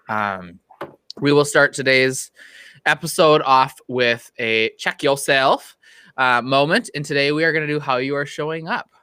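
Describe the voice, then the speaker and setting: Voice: mid-range voice, sharp tone, smooth, no room sound. A therapist co-hosting a casual live podcast, upbeat and playful with lots of fillers. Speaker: co-host therapist.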